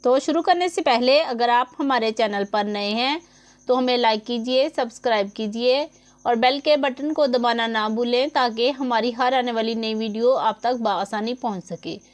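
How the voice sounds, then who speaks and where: This woman's voice is a little high and moves at a moderate pace. She's teaching the rules of Quran recitation in a slow tajweed lesson, going letter by letter and patiently covering how long each is held, close to the microphone.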